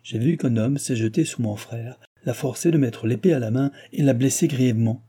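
A man voicing an excitable, tearful young noblewoman who talks in an insistent way. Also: medium pitch, moderate pace, breathy edge, natural voice. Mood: upset.

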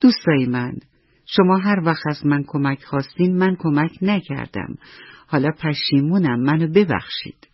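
A woman's voice: sits low, expressive, breathy edge, dry recording, full character voice. Pakuta, a snappish little ant, voiced by a woman. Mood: sorry. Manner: sharp, impatient. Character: grumpy selfish little ant. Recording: dull lo-fi radio with soft music.

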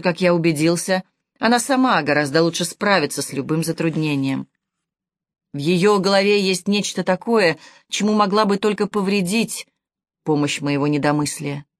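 Woman audiobook narrator, lowish voice, measured and expressive, dry close studio sound. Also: dry recording. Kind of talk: scripted literary narration.

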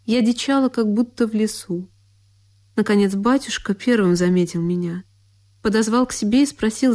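This is a solo actress in a studio radio drama, giving a literary monologue over music. She plays a sorrowful young woman looking back on a lonely childhood, speaking intimately and deliberately. Her medium-pitched, warm voice stays close to how she might talk every day.

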